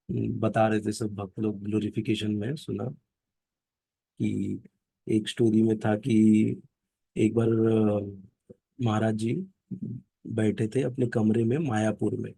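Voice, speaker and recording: A man's voice: medium pitch, vocal fry, warm tone, no echo, clean studio sound. A man leading a scripture class for families, explaining verses through stories and often asking his listeners "right?". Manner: storytelling, asks "ना?" and "हाँ?" to check listeners follow.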